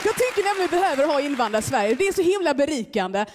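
A woman's voice: high-pitched, a loud crowd, heavy background noise. A woman performing a stand-up comedy set in a club, telling stories and acting out short exchanges. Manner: animated storytelling, acting out short dialogues. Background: audience laughter.

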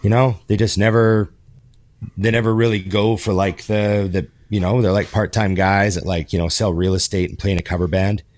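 A man's voice: lowish voice, little pitch movement, moderate pace, darkish tone, no echo. A man in his forties co-hosting a podcast in casual chat, rambling with lots of fillers and restarts. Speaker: podcast co-host. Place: home studio with video call. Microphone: headphones and desk microphone.

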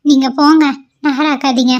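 A woman's voice: high-pitched, flat delivery, moderate pace, highs cut off, lightly acted. A woman voicing an anxious, caring middle-aged mother-in-law in a cartoon, soothing and fretful by turns. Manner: soothing, fretful, calls on god. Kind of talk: cartoon voice acting.

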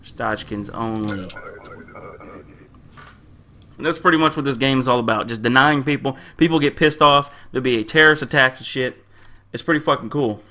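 A man's voice: mid-range voice, quick pace, bright, forceful tone. A young man casually commenting while he plays a computer game, joking crudely and swearing a lot. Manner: puts on silly accents to read game text. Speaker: gamer. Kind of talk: profane let's-play commentary.

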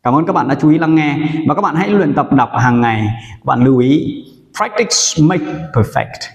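A man from Vietnam teaching English vocabulary, saying each word several times and asking students to repeat after him. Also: medium pitch. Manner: slow, drills words for repetition. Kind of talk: vocabulary pronunciation lesson. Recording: roomy echo with long reverb.

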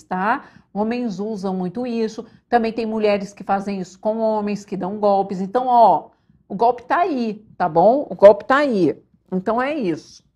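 A Brazilian woman with a fairly high voice gives a live lecture as a psychologist. She talks in a chatty, animated way, constantly checking in with her audience and breaking off to give directions to the crew. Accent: Brazilian Portuguese. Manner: chatty, addresses viewers as "gente", frequent "tá?" tags. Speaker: psychologist hosting a live online talk.

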